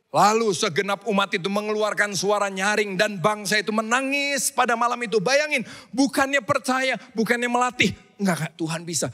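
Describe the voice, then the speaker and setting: A male pastor preaching a sermon in a church, telling stories with animated delivery, acting out wailing crowds and leading the congregation in call and response. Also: sits high. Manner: animated storytelling, acts out crowds with loud wailing cries. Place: church hall. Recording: church hall reverb.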